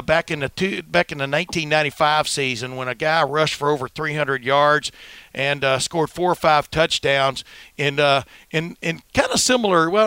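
A man's voice: fairly high pitch, pushed and bright, clean tone, no room sound. A man hosting a sports podcast, chatting and commenting in a folksy, jokey, rambling way.

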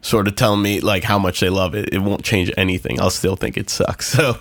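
A man's voice: sits low, fairly even intonation, brisk, vocal fry, a bit bright, no room sound. A man talking casually as a musician guest in an interview, with a self-deprecating, easygoing way of speaking. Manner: self-deprecating, laughs easily.

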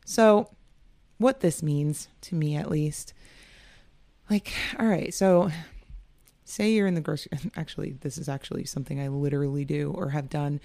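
A woman's voice: low-pitched, fairly even intonation, moderate pace, gravelly, dark tone, dry recording. A young woman hosting a casual solo podcast, chatty and candid, often laughing and swearing. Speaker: podcast host.

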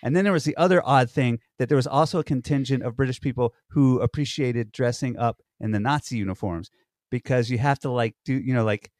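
A man's voice: mid-range voice, fairly quick, a little mellow, no echo, clean studio sound. A man co-hosting a podcast, telling stories in rambling casual chat full of fillers and restarts. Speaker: podcast co-host. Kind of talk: casual conversation.

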